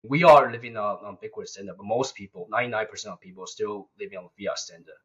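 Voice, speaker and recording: A man's voice: fairly low pitch, quick pace. A young man, a guest speaking earnestly in a casual interview and often repeating words. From Taiwan. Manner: earnest, repeats words, non-native grammar. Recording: dull lo-fi sound.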